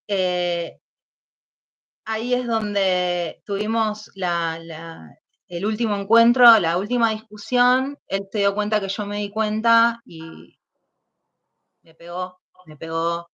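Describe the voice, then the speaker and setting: A woman with an Argentine accent, giving personal testimony as an interview guest, speaking slowly and hesitantly as she recalls painful events. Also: mid-range voice, fairly bright tone. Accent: Argentine Spanish. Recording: dull lo-fi sound.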